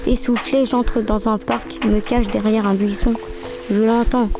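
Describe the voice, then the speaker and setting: A woman's voice: fairly high pitch, level tone, a little slow. A woman giving a tense first-person dramatic reading of a chase. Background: background music.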